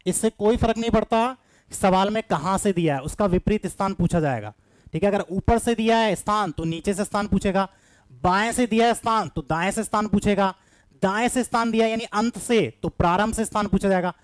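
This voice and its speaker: A man's voice: high voice, fairly quick, dry recording. A man teaching a live online class, coaxing students and reading out their answers by name.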